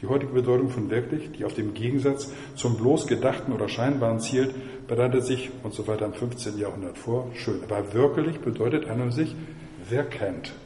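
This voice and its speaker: A man's voice: mid-range voice, brisk, mellow. A man giving a university mathematics lecture, digressive and firing rhetorical questions at the audience. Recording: echoey lecture hall, faint noise.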